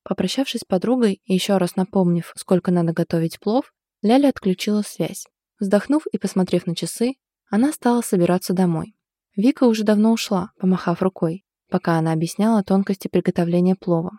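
Woman narrator with a dark, mellow voice. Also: mid-range voice, brisk, no echo, clean studio sound. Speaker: audiobook narrator. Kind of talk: scripted narration.

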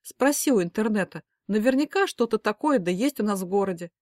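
A woman's voice: medium pitch, expressive, brisk, a little mellow, dry recording, studio quality, lightly acted. A woman voicing a worried middle-aged mother who scolds and pleads emphatically. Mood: urging.

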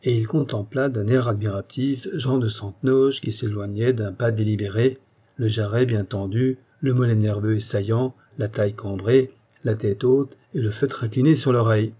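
Give me a male audiobook narrator reading a classic novel at a measured, even pace. His tone is dark and mellow, with a husky grain. He tells the story steadily, without rushing. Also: fairly low pitch.

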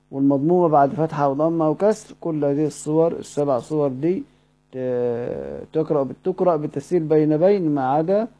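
A man with an Egyptian Arabic accent teaching Quran recitation, explaining a poem line by line, asking the class questions and slowly repeating words. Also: a little high, warm tone.

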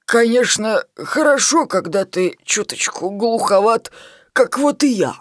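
A woman voicing an old male basset hound in a storybook, grumbling and gruff but kindly underneath. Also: expressive, no echo, studio quality. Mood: drowsy. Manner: grumbling, drawn-out. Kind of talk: storybook reading.

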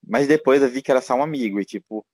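A man's voice: medium pitch, fast, a little mellow, dry recording. A Brazilian man, a guest in a casual interview, talking in a rambling way with many fillers and restarts. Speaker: guest, teacher living abroad.

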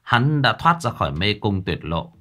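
A man narrating a ghost story in a dramatic, expressive way. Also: on the low side, moderate pace. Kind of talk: scripted narration.

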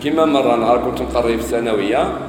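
Algerian sheikh teaching in an echoey hall. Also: male voice, medium pitch, racing, background noise. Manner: lively teaching, asks students questions, tells stories. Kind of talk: sermon. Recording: echoey hall, faint ambience.

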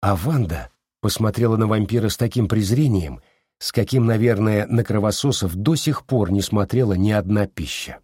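A man narrating an audiobook, expressive, voicing every character himself. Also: on the low side, normal speed, husky, dry recording, clean studio sound. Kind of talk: scripted narration.

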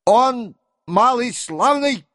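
An adult man reading a book aloud and voicing a hot-tempered male hussar officer who shouts fiercely. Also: extremely high pitch, lively intonation, very slow, no echo, studio quality, voice pushed up, full character voice. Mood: fiery. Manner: shouting, fiery. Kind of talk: audiobook character reading.

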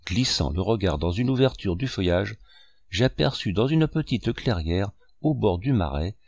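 A man narrating an audiobook in a steady, measured storytelling manner. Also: lowish voice, gravelly, breathy edge, dry recording.

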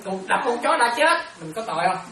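A woman's voice: fairly high pitch, very animated, brisk, a crowd in the background. A woman, a Buddhist nun, teaching lay followers in a dharma talk and often checking whether they follow. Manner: questioning listeners often, repetitive. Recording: echoey room, distant mic.

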